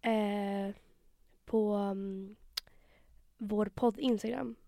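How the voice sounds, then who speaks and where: A woman's voice: mid-range voice, steady tone, gravelly, dark tone, no room sound, clean studio sound. A young Swedish-speaking woman co-hosting a podcast, telling a story animatedly in casual chat and acting out the quotes. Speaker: podcast co-host.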